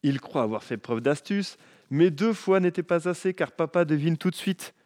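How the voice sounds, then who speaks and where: A man narrating a children's story with an expressive, lively reading. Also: a little high, moderate pace.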